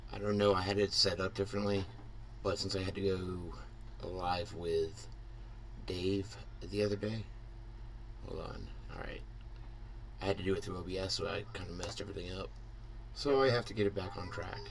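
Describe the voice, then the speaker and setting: A man with a notably deep, low voice talks casually to his live-stream audience. He is offhand and half talks to himself as he fiddles with his setup. A faint hum of noise sits behind him. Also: fairly even intonation, normal speed, pauses often. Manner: offhand, talking to himself while fixing settings.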